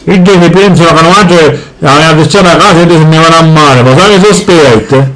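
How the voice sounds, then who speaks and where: A man voicing a bossy, jealous cartoon father with a Sicilian accent, gruff and nagging in an amateur comic dub. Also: a little high, fairly quick, a bit bright, pitched below the performer's own voice, lightly acted. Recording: noisy amateur home dub.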